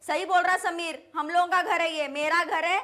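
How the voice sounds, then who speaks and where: A woman playing a defiant, quick-tempered young wife with a Hyderabadi accent. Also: very high voice, steady tone, pushed and bright. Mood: assertive. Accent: Hyderabadi Urdu.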